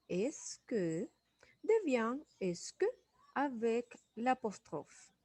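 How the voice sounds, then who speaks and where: Slow, patient teacher. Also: female voice, medium pitch, darkish tone, dry recording. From Venezuela. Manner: patient, repeats each example, asks "oui". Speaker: French teacher. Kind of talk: slow classroom explanation.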